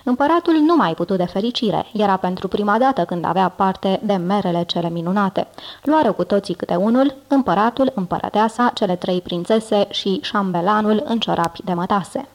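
Woman narrating an audiobook. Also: medium pitch. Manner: measured, expressive storytelling.

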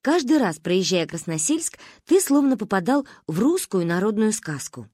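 A woman reading a children's story aloud in a lively, expressive way. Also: medium pitch, normal speed, breathy edge, no echo, studio quality. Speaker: audiobook reader. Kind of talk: storybook narration.

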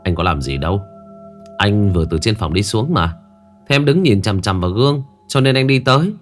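Calm young husband, low and soothing, voiced by the narrator. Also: male voice, fairly quick, soft background music, close to an everyday voice.

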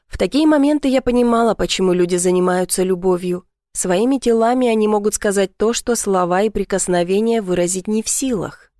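Woman reading an audiobook in first person, middle pitch, dry close sound, steady pace. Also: a little fast, no echo. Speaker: audiobook narrator.

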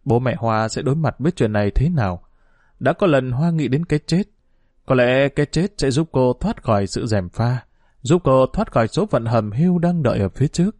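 Expressive male storyteller, dry close sound. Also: mid-range voice, normal speed, dry recording. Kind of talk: scripted narration of a short story.

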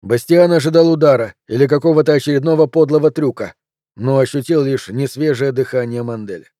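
Mellow male audiobook narrator. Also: medium pitch, brisk, no room sound, clean studio sound. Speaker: audiobook reader. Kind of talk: scripted narration.

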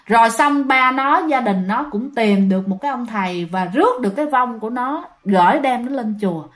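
A woman's voice: a little high, lively intonation, brisk. A woman with a Southern Vietnamese accent, casually telling a ghost story as host and often speaking straight to her listeners. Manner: chatty, addresses listeners directly, many fillers.

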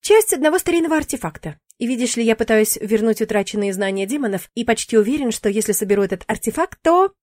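A woman's voice: a little high, expressive, fast talker, few pauses, darkish tone, dry recording, studio quality. A woman voicing a playful, teasing young male demon in an audiobook, in a cheeky, bantering manner.

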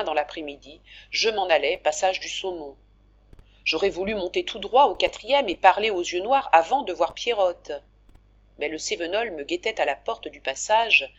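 A woman narrating an audiobook of a classic novel in a measured, expressive storytelling manner. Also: on the low side, slightly rough, lo-fi sound.

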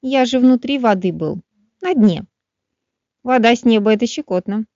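A woman voicing a curious, cheerful little male froglet in a storybook, drawing out croaky words slowly. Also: a little high, animated, mellow, no room sound. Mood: wondering. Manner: slow, wondering, drawn-out croaky 'kvak' sounds. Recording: dull, dry studio sound.

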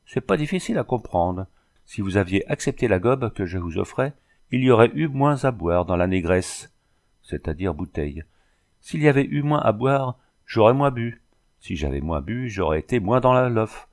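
A man reading an audiobook voices a coarse, boastful backwoods bandit sailor who talks rough and mocking. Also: fairly low pitch, animated, normal speed. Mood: gruff mocking.

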